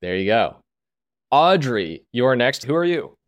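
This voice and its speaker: A man's voice: medium pitch, big pitch swings, unhurried, no room sound, clean studio sound. A man hosting a podcast in an informal, enthusiastic, chatty way. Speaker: podcast host. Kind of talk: casual hosting chat.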